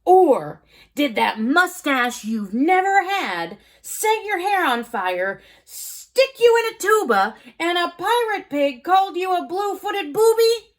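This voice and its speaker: A woman's voice: very high voice, very animated, takes it slowly, heavily acted. A woman voicing a cheerful, silly narwhal superhero boy, reading a children's storybook aloud with a playful, joking manner.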